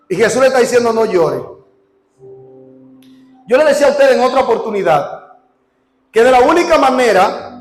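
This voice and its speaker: A male preacher giving an impassioned sermon in a live church service, questioning his congregation and often shouting. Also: very high voice. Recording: echoey church hall with music and congregation. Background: music and congregation.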